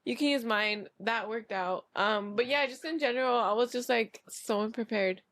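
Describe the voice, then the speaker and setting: High-voiced young woman, chatty and sweary. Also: moderate pace. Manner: animated, sweary slangy talk. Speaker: podcast co-host. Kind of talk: casual storytelling chat.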